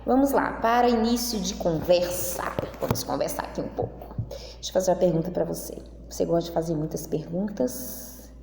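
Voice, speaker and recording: A woman teacher with a Brazilian Portuguese accent, reading a lesson to young children slowly and in a sing-song voice. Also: fairly low pitch, creaky, warm tone, a little hiss or hum. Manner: slow, sing-song, exaggerated intonation for children. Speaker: primary school teacher. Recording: echoey room with long reverb.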